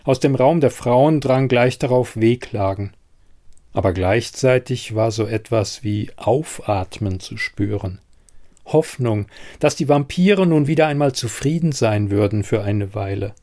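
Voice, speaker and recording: A man narrating a dark fantasy audiobook in a measured, grave storytelling manner. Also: medium pitch, animated.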